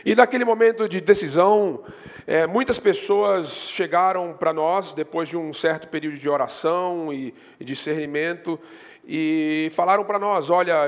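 A Brazilian man preaches in a church, his voice sitting a little high for a man. He tells stories, lifting his pitch and force when he drives a point home. A long reverb trails each phrase through the sanctuary. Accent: Brazilian Portuguese. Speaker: pastor. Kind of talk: sermon.

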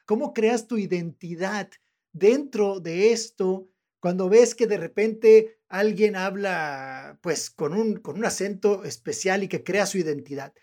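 An interviewer asking quick, probing questions in a casual chat. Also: mid-range voice, darkish tone.

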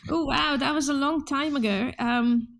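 A Hungarian journalist in her fifties, speaking with a Hungarian accent in a high-pitched voice at a moderate pace, tells her story as a podcast interview guest. Her speech is loose and conversational, full of restarts and frequent laughter.

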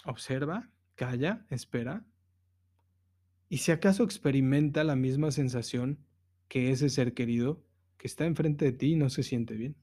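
A man's voice: a little high, darkish tone. A man hosting a spiritual self-help podcast, telling a personal story earnestly with emphatic repetitions. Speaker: podcast host.

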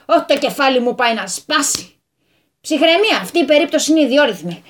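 A woman's voice: sits high, lively intonation. A woman voicing a hot-tempered, bossy male landowner who talks in a flustered rush in a radio story. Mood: fretful bossy.

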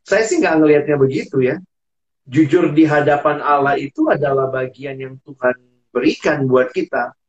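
A man's voice: fairly high pitch, moderate pace. Earnest man on lo-fi audio. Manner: earnest, acts out quoted dialogue. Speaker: guest speaker.

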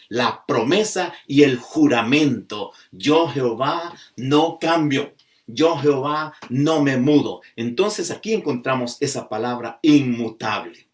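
A male pastor preaching at a slow, deliberate pace, leaning hard on key words. His voice sits at an ordinary middle pitch. It is picked up from some distance away from the microphone. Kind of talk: sermon. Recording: voice from a distance off the mic.

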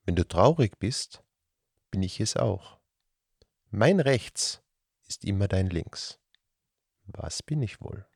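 Male storyteller for kids: low, husky, unhurried fairy-tale reading. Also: no room sound, clean studio sound. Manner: slow, calm, gravelly storytelling. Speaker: storyteller host. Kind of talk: fairy tale read aloud for children.

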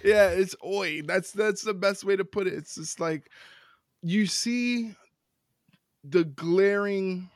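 A man co-hosting a casual wrestling podcast, ranting with lots of repeated words and quick laughs. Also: high-pitched, no echo, studio quality. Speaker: podcast co-host.

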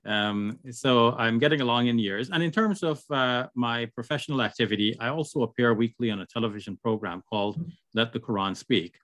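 A man's voice: medium pitch, a little fast, a bit bright, dry recording. An older man from Guyana speaking as an interview guest over a video call, hesitant and full of fillers. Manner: hesitant, many fillers and restarts. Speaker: guest, Islamic scholar.

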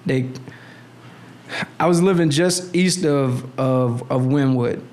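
His voice is medium-pitched, slow and darkish. A man in his thirties appearing as a guest, he talks in casual conversation full of slang, rambling and restarted sentences, dropping "you know what I'm saying" again and again.

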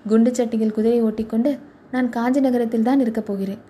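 A woman reading the part of a proud, short-tempered male royal charioteer in a storybook, with a gruff, scolding manner. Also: on the high side, fairly even intonation, quick pace, mellow. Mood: bitter.

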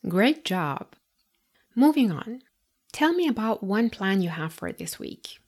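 A woman teaching a scripted podcast lesson, addressing the listener directly with guiding questions and pauses. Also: mid-range voice, big pitch swings, a little mellow, husky. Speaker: English teacher and podcast host.

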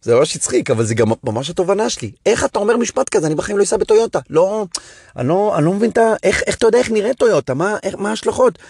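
A man, a stand-up comedian hosting his podcast, talking in a rambling, animated casual monologue with many restarts. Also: high-pitched, breathy edge, no echo.

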